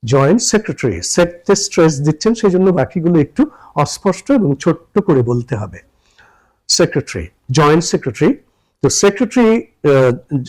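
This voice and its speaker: An older man from Bangladesh giving a relaxed pronunciation lesson, patiently repeating words slowly to show how they are said. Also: a little high, poor audio. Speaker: language teacher.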